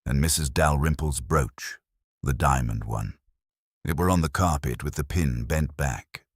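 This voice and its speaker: A man's voice: extremely low pitch, a little slow, no room sound, studio quality. A man voicing a frightened young parlour maid who speaks in broken, rustic phrases.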